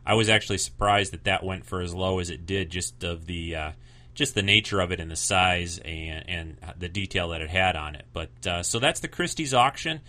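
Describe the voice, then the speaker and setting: Very deep, bright-voiced male podcast host. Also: moderate pace. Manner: rambling, hesitant, informal. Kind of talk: casual chat commentary.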